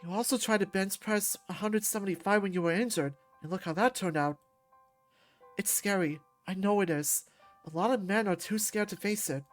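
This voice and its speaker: A woman voicing a gentle, caring male therapist, speaking softly and earnestly over faint music. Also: medium pitch, close to an everyday voice. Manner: soft, soothing, slow and earnest.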